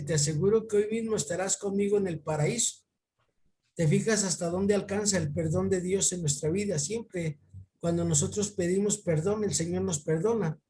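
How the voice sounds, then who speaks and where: A man giving an informal one-on-one Bible lesson over a video call, pausing and repeating words as he thinks and often calling his student by name. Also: high-pitched, dark tone. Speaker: Bible teacher.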